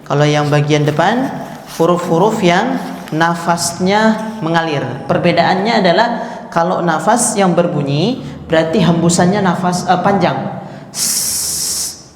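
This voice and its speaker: A man's voice: fairly high pitch, measured pace, roomy sound, big-room sound, slight background noise. A man teaching Quran recitation, patiently explaining and demonstrating how each letter should sound. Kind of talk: tahsin lesson on letter articulation. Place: mosque.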